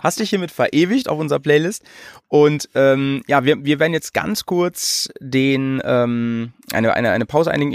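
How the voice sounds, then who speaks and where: In a dry, clean studio-sounding recording, a medium-pitched man hosts a podcast from a train. His casual talk is bubbly and rambling, packed with fillers, giggles and frequent laughs.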